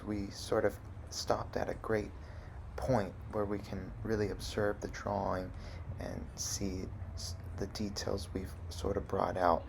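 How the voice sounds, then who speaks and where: A young man from Southern California narrating a drawing demonstration as an art instructor, measured and explanatory with hesitant fillers. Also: fairly low pitch, creaky, noisy background.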